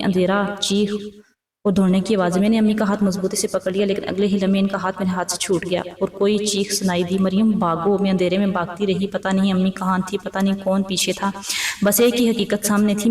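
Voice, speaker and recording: A woman's voice: medium pitch, flat delivery, a little mellow. A woman narrating a dramatic first-person story with emotional delivery. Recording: roomy, distant mic.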